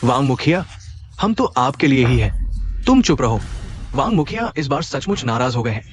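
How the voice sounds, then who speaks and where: A male voice actor playing a blustering middle-aged village bully in a dubbed drama, loud and threatening. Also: mid-range voice, very animated, moderate pace, husky. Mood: fawning. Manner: loud, threatening, then fawning. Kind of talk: Hindi-dubbed drama acting.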